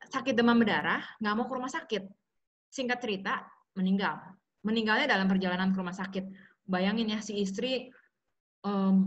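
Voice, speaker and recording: At an online support session, a woman with a medium-pitched voice talks casually between stories and guides simple relaxation exercises. She's chatty, with warm asides and frequent fillers, and the audio sounds dull.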